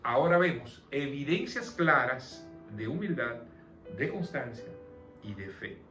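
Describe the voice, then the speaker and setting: A man's voice: mid-range voice, big pitch swings, measured pace. A man leading a conversational Bible study, explaining the passage and posing questions to his listeners. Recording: echoey room with soft music behind.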